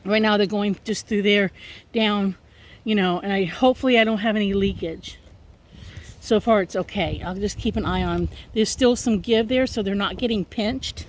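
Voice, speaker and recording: A middle-aged woman vlogging in a casual, rambling, folksy way, talking to her viewers from a car and while working on a van. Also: on the high side. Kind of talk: casual vlog chat. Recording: loud vehicle and street noise.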